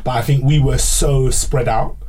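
A man co-hosting a podcast, with a husky, slightly breathy voice. He sits back from the microphone, so he sounds a little distant. He tells stories in an easygoing way, dropping slang as he goes. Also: mid-range voice, steady tone, normal speed, dark tone. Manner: laid-back storytelling with slang. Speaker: podcast co-host. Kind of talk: casual podcast discussion.

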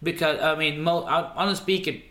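In a reverberant recording, a twenty-something guest from Sweden, whose native language is Swedish, chats on a casual podcast interview. He's animated and emphatic, restarting his words often, with a voice a little high at a moderate pace.

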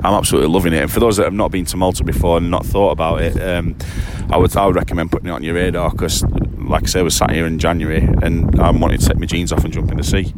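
A man's voice: deep voice, level tone, fast, hardly any pauses. A man hosting a casual, rambling interview outdoors. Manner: informal, rambling. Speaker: interviewer, podcast host. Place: outdoors by the sea. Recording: outdoor recording with clear background noise.

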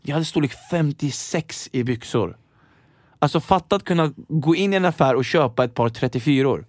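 A man's voice: on the high side, dry recording, clean studio sound. A young man telling stories in a casual podcast chat, acting out the voices of people in his stories. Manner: animated storyteller acting out quotes. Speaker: podcast guest.

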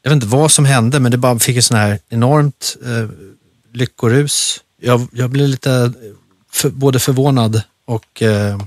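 A man's voice: medium pitch, no room sound. Man, podcast co-host, shaky emotional speech, many restarts, dry close recording. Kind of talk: casual chat.

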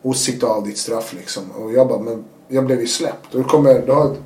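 A man, a guest telling his story in a casual interview, animated and acting out what people said. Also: mid-range voice, echoey room, slight background noise. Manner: animated, acts out quotes with sudden loud bursts.

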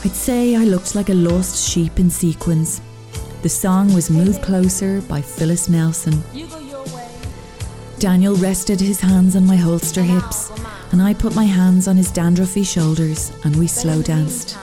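An Irish woman in her forties hosting a podcast, reading her teenage diary aloud with wry, animated storytelling. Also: fairly low pitch, unhurried, soft background music. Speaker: podcast host.

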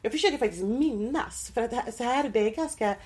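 A woman in her thirties, a guest in an interview, talking in a hesitant, halting way with many restarts. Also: fairly high pitch, darkish tone. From Sweden. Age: 30s. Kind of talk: personal interview.

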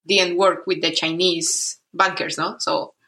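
A woman co-hosting a casual podcast chat, talking quickly, asking questions and laughing often. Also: on the low side, little pitch movement, sharp tone. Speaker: podcast co-host.

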